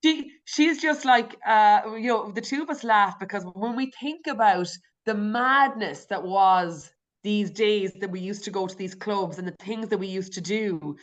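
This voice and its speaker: A woman's voice: medium pitch, measured pace. A woman with an Irish accent, a podcast guest talking candidly and reflectively, with frequent restarts and fillers. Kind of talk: candid conversational interview.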